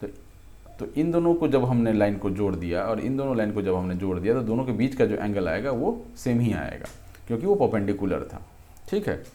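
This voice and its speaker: Brisk and sing-song, his fairly low voice carries a mellow quality as he teaches physics at a board. The lesson is conversational: he reasons out loud, keeps checking in with questions, and self-corrects or starts over along the way.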